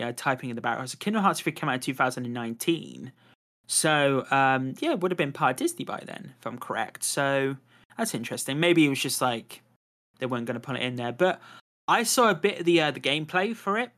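A man hosting a relaxed podcast, chatting about games and shows. He rambles easily, stacking fillers and tacking "to be honest" onto his thoughts. His voice sits at an ordinary middle pitch. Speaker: podcast host. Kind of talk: casual chat.

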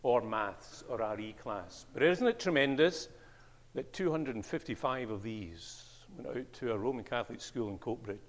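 An older man with a Scottish accent preaching a sermon in a church, telling stories with lively swings in pitch. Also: normal speed. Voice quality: animated storyteller, wide pitch swings on quoted speech. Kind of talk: sermon with anecdotes.

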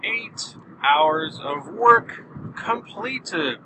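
A man playing a high, slow robot powering down. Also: lively intonation, background noise, full character voice. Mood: winding down. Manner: slow, stiff, mechanical delivery. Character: working robot powering down after a shift.

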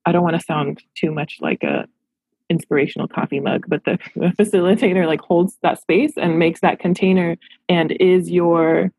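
Woman, 30s, therapist, reflective, husky, gravelly, dry close sound. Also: on the low side, fairly even intonation, moderate pace, darkish tone, dry recording, poor audio. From Los Angeles. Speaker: therapist and practice owner. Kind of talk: podcast interview answers.

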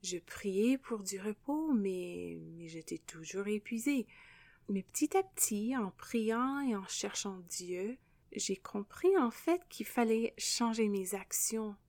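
Soft-spoken English-Canadian woman, dry sound. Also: medium pitch, expressive, slow, dry recording. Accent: English-speaking Canadian. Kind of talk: devotional podcast talk.

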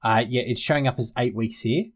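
This Australian co-host talks fantasy rugby league in a relaxed, conversational way on a sports podcast, addressing the others as "guys." His mid-range voice moves a little fast, and his intonation stays fairly even.

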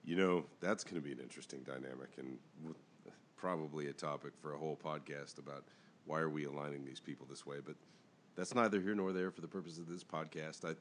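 Man, very low voice, podcast host, casual, rambling. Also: fast, a little hiss or hum. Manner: animated, rambling. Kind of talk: casual sports chat.

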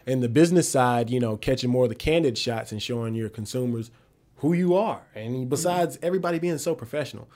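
A man guesting on a podcast, talking about his videography work in a relaxed way and acting out what people said to him. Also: mid-range voice, a little fast. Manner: relaxed, acts out quoted dialogue. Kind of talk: casual podcast chat.

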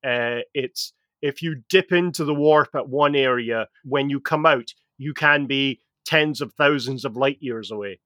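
A man chatting on a podcast, walking his co-host through game lore. He rambles, restarts his sentences and fills the gaps with ums and uhs. His voice sits at an ordinary middle pitch, and the recording is dry and close. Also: measured pace, few pauses, bright, forceful tone, no echo. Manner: rambling, with frequent fillers and restarts. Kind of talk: casual chat.

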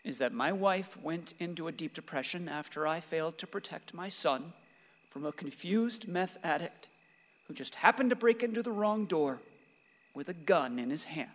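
In a radio play recorded in a reverberant, hall-like room, an actor voices a grieving, guilt-ridden father who clings to his guns. His voice is a little high and animated at normal speed, with a sorrowful, bitter mood and stage-like delivery.

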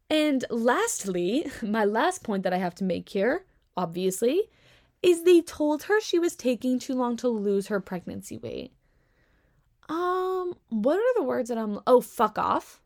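A young woman hosting a solo podcast, ranting in a sarcastic, animated way with slang and bursts of laughter. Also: medium pitch. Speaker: podcast host. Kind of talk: casual solo podcast commentary.

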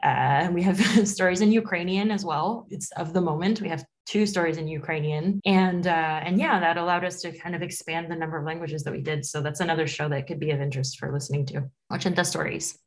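A woman whose first language isn't English, with a light Latin accent, answers interview questions as the CEO of a podcast studio. She's chatty, laughs a lot, and repeats words, speaking fast with hardly any pauses in a steady, lowish voice.

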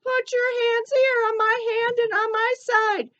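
A woman voicing an earnest young female elephant puppet with a squeaky voice, telling a story eagerly. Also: flat delivery, unhurried, fairly bright tone, muffled recording.

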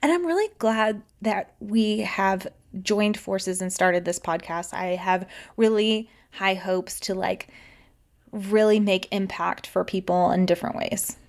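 A little slow and medium in pitch, an American woman talks as a podcast co-host. The chat is casual, and she keeps it chatty and upbeat with lots of laughing.

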